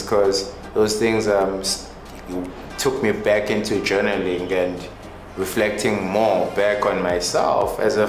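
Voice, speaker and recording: A man, a young filmmaker, speaking thoughtfully in a documentary interview. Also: lowish voice. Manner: slow, thoughtful, with repeated starts. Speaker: youth filmmaker in the program. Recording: echoey room with music behind.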